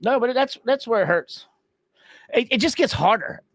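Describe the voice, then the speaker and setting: Gravelly, blunt man cohost. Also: extremely high pitch, lively intonation, moderate pace, fairly bright tone, no echo. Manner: blunt, crude banter. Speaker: podcast co-host. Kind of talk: casual chat.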